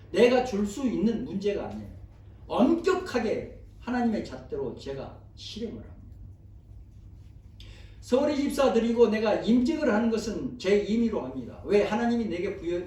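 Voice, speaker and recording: A pastor preaches in a high, lively voice that swings up and down as he presses his points. He keeps firing rhetorical questions at the congregation. The sound is very echoey and picked up from far off in a church, with a faint hiss underneath. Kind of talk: sermon. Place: church sanctuary. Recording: very echoey hall, voice far from the mic.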